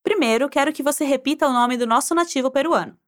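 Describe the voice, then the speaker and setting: A woman's voice: high-pitched, fast talker. A woman teaching Spanish, guiding the listener through pronunciation drills and prompting them to repeat aloud.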